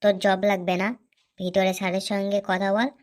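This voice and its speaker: Over loud background music, a woman voices several characters in a comedy cartoon. Her voice sits at medium pitch with little movement, and she speaks briskly.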